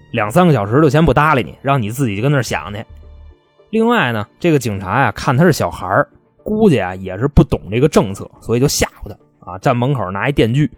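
A male storyteller, chatty and colloquial, his pitch swinging animatedly as he narrates a crime tale. The voice is close and dry, with faint music underneath. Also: no echo. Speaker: storyteller host.

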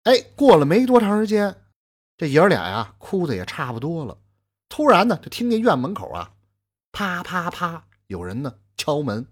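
A man telling a traditional story with lively asides to the listener. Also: fairly high pitch, moderate pace, husky.

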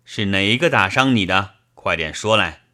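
A man's voice: deep voice, expressive, moderate pace, pushed and bright, exaggerated voice. A man doing a stern official Jiao Liru. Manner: curt and commanding. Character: stern, upright male official, middle-aged.

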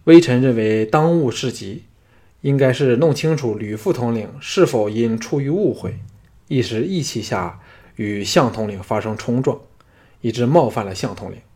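A man's voice: mid-range voice, moderate pace, warm tone, close to an everyday voice. A male audiobook reader voicing an elderly former chancellor who speaks formally and persuasively in a courtly way.

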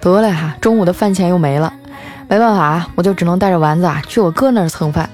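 A woman's voice: on the low side, quick pace, darkish tone, faint music behind. A woman host telling a comic story in a wry, chatty, colloquial way.

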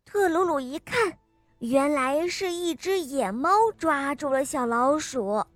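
A woman reading a bedtime-style children's story, gentle and expressive. Her voice is high and her pace is slow and deliberate. The sound is close and dry, with soft music faintly underneath. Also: dry recording. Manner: gentle, expressive, addresses kids directly.

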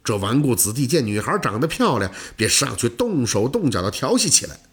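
A man's voice: mid-range voice, big pitch swings, a little fast, husky. A man narrating a folk tale in a dramatic storytelling manner.

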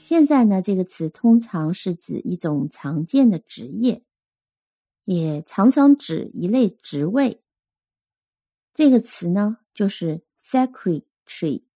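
Woman doing an english vocab lesson, dark mellow voice, dry close sound, spells stuff out slow. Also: mid-range voice, very animated, dry recording. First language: Chinese. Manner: slow, careful spelling and pronunciation drills.

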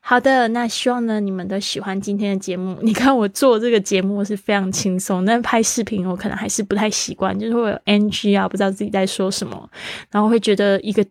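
A chatty young woman teaches English phrases on her podcast, explaining them in Mandarin. Her pitch sits in an everyday middle range. The sound is dry and close, with no room echo. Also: fairly even intonation, quick pace. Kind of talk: casual English lesson podcast.

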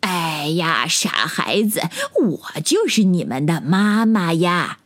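A woman voicing a kind, patient mother frog in a bedtime storybook, speaking slowly and soothingly. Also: lowish voice, big pitch swings, a bit bright, heavily acted. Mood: tender.

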